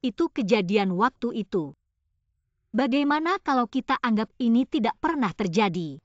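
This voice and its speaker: A woman's voice: fairly high pitch, animated, normal speed, no room sound, natural voice. A woman dubbing an emotional young woman in a TV drama, speaking in a pleading way. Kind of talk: dubbed TV drama dialogue. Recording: dull lo-fi dubbing, dry.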